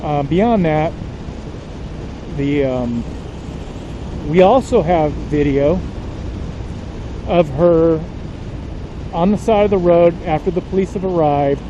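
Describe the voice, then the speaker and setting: A man talks into his camera for a somber motorcycle vlog, speaking slowly and haltingly as he holds back tears. His voice sits a little high. Steady traffic noise from the road carries behind him. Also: dull audio. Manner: slow, halting, emotional, choking back tears. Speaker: motorcycle vlogger.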